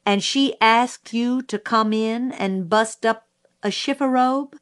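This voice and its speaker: A woman's voice: on the high side, voice pushed up. Woman playing a sneering prosecutor. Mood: scornful. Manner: slow, cutting, rising in outrage. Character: stern male prosecutor, sneering and scornful.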